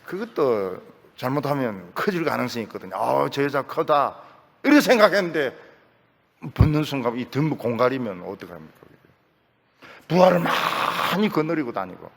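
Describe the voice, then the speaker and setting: A man's voice: on the high side, very animated, normal speed. An older man with a Gyeongsang accent preaching a sermon as pastor, folksy and joking, repeating his key phrases. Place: church sanctuary. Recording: church hall reverb.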